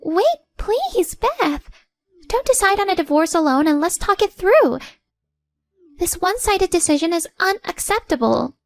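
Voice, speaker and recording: A woman's voice: big pitch swings, unhurried, no echo, heavily acted. A woman voicing a bossy older mother-in-law who protests indignantly and whines when cornered. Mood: pleading. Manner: indignant, whiny, high-pitched protests.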